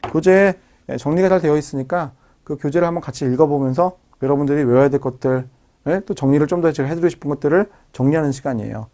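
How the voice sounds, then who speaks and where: Quick, slightly high-voiced male teacher; drills terms by repetition and checks in with students. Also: warm tone. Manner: explains step by step, repeats key terms, checks in with tag questions. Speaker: biology lecturer. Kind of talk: recorded exam-prep lecture.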